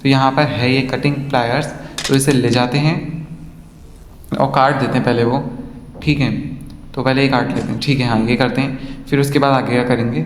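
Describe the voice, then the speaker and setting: A man's voice: mid-range voice, steady tone, moderate pace, pauses often. A man casually commenting on his own gameplay in speech, chatting to viewers and calling them guys. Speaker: gaming vlogger. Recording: echoey room, faint ambient noise.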